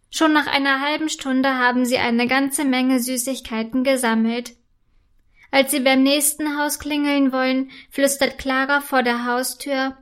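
A woman narrating a children's story aloud in a calm, clear read-aloud manner. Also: sits high.

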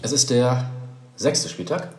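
A man hosting a casual fantasy football podcast, talking in a relaxed, conversational way. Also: mid-range voice, unhurried, echoey room, slight background noise. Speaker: podcast host.

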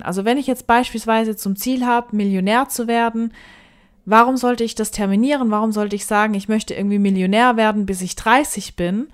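A woman's voice: medium pitch, smooth. A woman who does bodybuilding, talking reflectively and straight to her viewers in a casual advice monologue. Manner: reflective, addresses listeners directly.

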